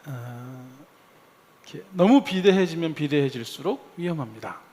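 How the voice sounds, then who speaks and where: Animated male pastor in a reverberant church. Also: fairly high pitch, moderate pace. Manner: storytelling with lively acted-out asides. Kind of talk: sermon. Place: church sanctuary. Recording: long hall reverb.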